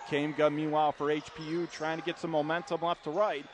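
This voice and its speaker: Calling a college basketball game live on radio, a man speaks fairly quickly in a voice on the high side with little pitch movement. He uses clipped, running phrases and emphasizes the big plays, while gym noise and a bouncing ball fill the noisy courtside broadcast from the indoor arena.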